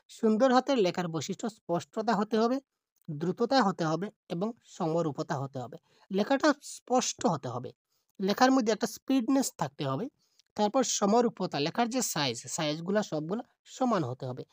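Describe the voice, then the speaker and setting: With big pitch swings in a mid-range, slightly mellow voice, a woman leads an online exam-prep lesson, reading multiple-choice questions aloud. She lingers over the options and then answers quickly on her own, mixing in English terms. The sound is clean studio audio with no echo.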